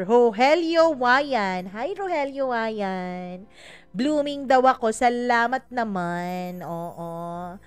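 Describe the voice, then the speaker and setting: A woman hosting a podcast talks in a relaxed, chatty way and slips in playful jokes. Her voice is smooth and sits fairly high. Soft music plays faintly underneath. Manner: chatty, teasing, laughs at her own jokes. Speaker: podcast host reading listener shout-outs. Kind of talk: casual chat.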